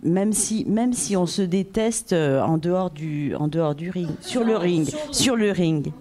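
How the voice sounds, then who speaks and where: A woman doing live consecutive interpreting, halting as she searches for words. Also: on the low side, crowd noise.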